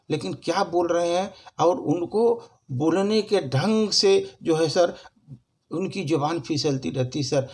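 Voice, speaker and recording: A man with a high voice recites a short poem in a slow, deliberate way. He repeats each line with emphasis and keeps addressing his listener as sir. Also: gravelly, a little mellow, breathy edge. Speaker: poetry reciter. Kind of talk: recited Hindi poetry with spoken introduction.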